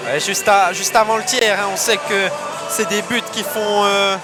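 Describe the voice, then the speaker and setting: Male hockey co-commentator, high animated voice, clear arena crowd and music underneath. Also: normal speed. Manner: animated, raises voice on big plays. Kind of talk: live sports commentary.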